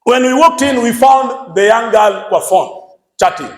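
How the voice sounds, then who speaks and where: A man with a Kenyan accent preaching a lively sermon, switching between English and Swahili and shouting some points for emphasis. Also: very high voice, measured pace, roomy sound, low-quality recording. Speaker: pastor.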